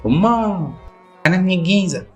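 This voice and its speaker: A man's voice: sits high, animated, fairly quick, soft background music. A man with an Egyptian accent acting as an increasingly exasperated apartment seeker in a comedy sketch. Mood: puzzled. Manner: exasperated, indignant client.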